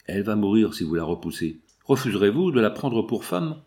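A man voicing an anguished wealthy industrialist pleading for his sick daughter, with a low voice. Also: big pitch swings, a little fast, dark tone. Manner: pleading, then harsh and insistent.

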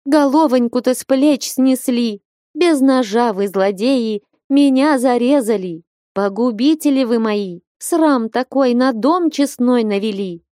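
A woman voicing an old peasant mother who laments in a high, wailing voice in a storybook reading. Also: expressive, normal speed, darkish tone, no echo, clean studio sound, close to an everyday voice.

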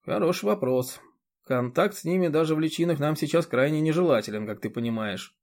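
A man's voice: on the high side, a little fast, darkish tone, voice pushed up, natural voice. A man reading an audiobook, voicing a wry, scheming man called the Violinist who talks in a dry, mocking way. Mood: planning.

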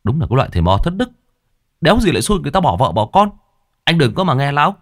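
A male storyteller voicing a hot-headed young village shaman who talks fast and heated. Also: sits low, no room sound, studio quality, lightly acted. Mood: angry.

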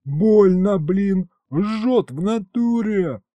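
Guy putting on a high whiny little imp thug, all street slang, swoopy voice, storybook. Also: sing-song, a little slow, mellow, no echo, muffled recording. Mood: whining. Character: slangy street-tough male imp henchman.

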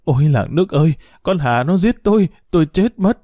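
A man's voice: big pitch swings, brisk, a little mellow, no echo, studio quality, lightly acted. A man voicing a bitter old mother-in-law in an audio story, cursing and wailing in a raised voice. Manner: shrill, abusive scolding.

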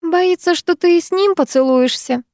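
A woman reading an audiobook aloud, voicing an angry, heartbroken older sister who shouts sarcastic accusations. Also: very high voice, unhurried, no room sound, studio quality, pitched above the performer's own voice.

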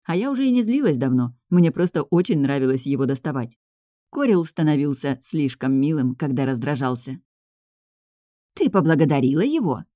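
A woman reading a first-person audiobook in a lively, sardonic storytelling manner, close to the mic. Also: rumbling low, a little fast, dry recording. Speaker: audiobook reader.

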